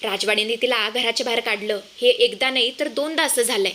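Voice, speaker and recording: A woman's voice: fairly high pitch, fairly quick, pushed and bright, slight background noise. Woman doing a fierce, defiant young heroine. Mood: suspicious musing. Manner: defiant, confrontational. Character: sharp, fearless young daughter-in-law heroine.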